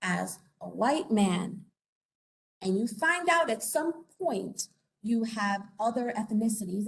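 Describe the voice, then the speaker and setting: A woman from Puerto Rico, an investigator, delivers a chatty informational presentation full of fillers and tag questions in a conference or meeting room. Her voice is a little high, and the audio is poor.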